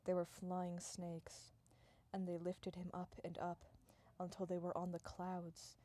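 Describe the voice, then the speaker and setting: A woman telling an improvised comic story in a deadpan, run-on way, stringing events together and sometimes dropping to a hush. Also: fairly low pitch, measured pace. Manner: deadpan, run-on "and then" narration, dropping to hushed tones.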